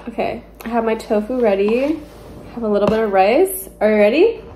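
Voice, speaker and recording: A woman's voice: on the high side, normal speed, dark tone. A young woman with a bubbly, girly manner, narrating a casual vlog to camera on a handheld phone. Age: young adult. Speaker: college student vlogger, sorority rush chair. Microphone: phone or camera at arm's length. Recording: noisy handheld vlog, room and street ambience.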